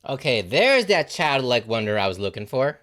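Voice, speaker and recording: Animated man reacting to a show. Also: medium pitch, moderate pace, faint music behind. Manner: animated, swearing, lots of "like" and "you know". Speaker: reaction video host. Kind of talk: casual reaction commentary.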